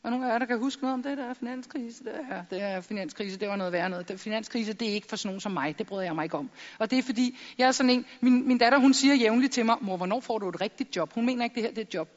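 A middle-aged woman giving a lively stage talk full of jokes and acted-out quotes. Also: on the high side, few pauses, big-room sound, muffled recording. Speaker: public speaker.

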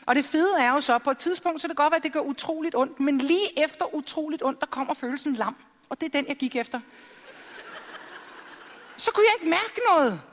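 A woman in middle age tells stories on stage with quick humour, acting out the voices of the people she quotes. Her voice sits high, and it carries into a large hall with a long echo. The sound is a bit dull, as if from a plain stage microphone. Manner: lively storytelling with jokes and acted-out quotes. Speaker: public speaker. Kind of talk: stage talk.

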